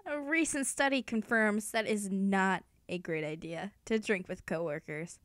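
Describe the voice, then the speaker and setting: A woman's voice: mid-range voice, a little slow, a bit bright, no echo, lightly acted. A woman playing a gullible, upbeat parody news co-anchor with mock-sincere delivery in a satirical newscast.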